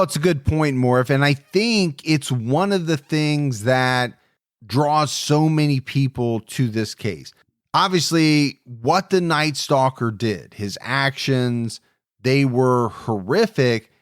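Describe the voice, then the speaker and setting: A man's voice: on the high side, no room sound, studio quality. A man co-hosting a true crime podcast, talking in a conversational, emphatic way and reading case narration. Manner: conversational, emphatic, restarts phrases. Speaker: podcast co-host.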